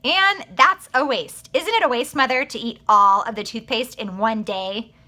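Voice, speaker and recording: A woman's voice: on the high side, normal speed, bright, forceful tone. A woman voicing a young sister in a children's storybook, insistent and tattling. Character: bratty tattling little sister.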